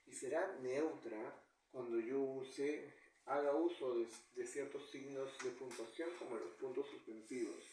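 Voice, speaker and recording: Hombre explicando gramática con eco. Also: male voice, mid-range voice, unhurried, a little mellow, distant mic, a little hiss or hum. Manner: asks and answers his own questions. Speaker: teacher. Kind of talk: spoken grammar lesson. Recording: echoey room, voice from off the mic.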